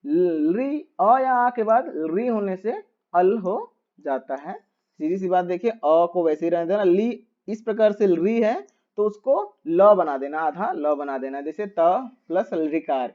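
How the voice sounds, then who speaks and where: A man's voice: high voice, a little slow, darkish tone, highs cut off. A man teaching a grammar lesson, patiently repeating each step and asking rhetorical questions as he writes on a board.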